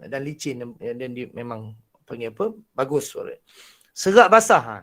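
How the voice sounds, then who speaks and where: A man with a Malaysian Malay accent and a naturally husky, breathy voice, teaching a Quran recitation class in a lively way, with frequent laughs. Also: medium pitch, moderate pace. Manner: animated, laughs often, demonstrates voices. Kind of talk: online lecture.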